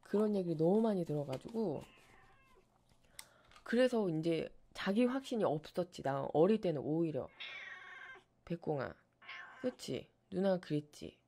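Mellow-voiced woman chatting on a live stream. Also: lowish voice, a little slow, long pauses, a little hiss or hum. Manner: chatty, animated storytelling with laughs. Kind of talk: casual chat on a live stream.

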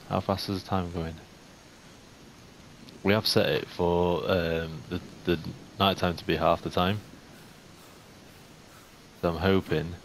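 A young man giving casual game commentary, chatting to the animals in the game and getting jumpy and excitable. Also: low-pitched. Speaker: gaming YouTuber. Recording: faint hiss.

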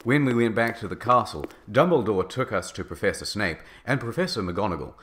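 A man with a lowish voice reads fan fiction aloud in deadpan comedy style. He delivers absurd lines earnestly and flatly, never cracking. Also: fairly quick.

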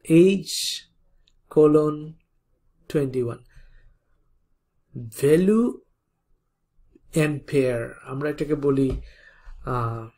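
Slow gravelly coding tutor. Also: medium pitch, animated, warm tone. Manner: explains step by step, often checks in with "okay?"; spells out code slowly, word by word. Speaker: programming instructor.

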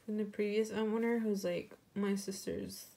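A woman's voice: medium pitch, level tone, normal speed, gravelly, warm tone. A young woman vlogger telling a rambling story in casual chat, full of "like" fillers, and now and then cooing baby talk to her pet rabbit.

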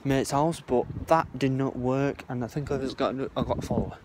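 A man talks to his phone camera while out in a park, rambling and restarting his sentences, a little out of breath. His voice sits at an ordinary middle pitch for a man. Loud wind and outdoor noise press in around him. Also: steady tone. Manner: rambling, halting, restarts often. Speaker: vlogger. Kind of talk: casual vlog talk to camera.

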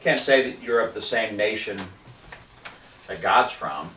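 A man's voice: lowish voice, lively intonation, a little slow, sharp tone, slight background noise. A man in his forties preaching a fervent sermon in a living room, reading from scripture, filmed by a camera across the room. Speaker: street preacher. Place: living room with wood paneling. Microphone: far camera. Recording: roomy sound from a distant camera.

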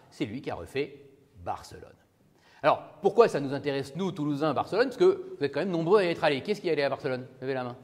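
A man's voice: a little high, husky. A man lecturing as a law professor, talking casually and asking his class questions. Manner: conversational, asks the class questions. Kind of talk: university lecture. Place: lecture hall. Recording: reverberant lecture hall.

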